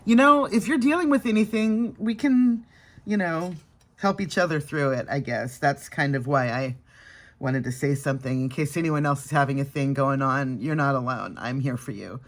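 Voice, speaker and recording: A woman's voice: very deep voice, normal speed. Chatty woman doing her makeup on camera. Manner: chatty, laughs often, soft-spoken asides. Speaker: makeup vlogger. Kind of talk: casual makeup vlog chat.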